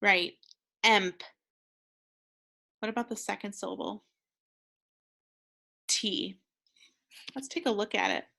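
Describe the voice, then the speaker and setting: An American woman with a mid-range voice leads a phonics lesson for second graders, keeping her intonation fairly even. Her slow, bright, crisp delivery is patient and encouraging, with pauses left for the children's answers.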